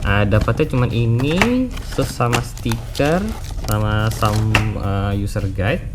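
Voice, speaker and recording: A motovlogger with a colloquial Jakarta Indonesian accent gives a casual product review, mixing English words into his slangy speech. His mid-range voice is sing-song and measured, heard over loud music.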